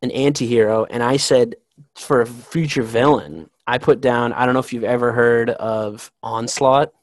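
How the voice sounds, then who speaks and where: Excitable man rambling about comics, dry sound. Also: mid-range voice, normal speed, no echo, rough recording. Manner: rambling, excitable fan talk with many restarts. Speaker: podcast co-host. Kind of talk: casual chat.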